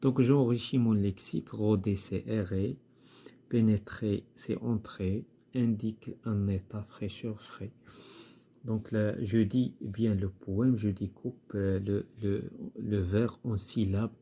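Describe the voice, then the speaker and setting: A man's voice: fairly low pitch, fairly even intonation, slow, mellow, slightly rough. A man teaching a primary school French lesson, hesitant, with many fillers and repeated words. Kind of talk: recorded lesson walkthrough.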